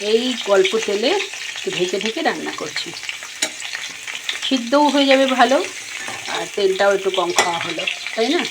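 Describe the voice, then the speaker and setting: A woman in her fifties, chatting homely and rambling as she cooks in her home kitchen, filmed on a phone camera. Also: medium pitch. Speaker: cooking vlogger. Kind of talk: casual home vlog chat. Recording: home recording with frying noise.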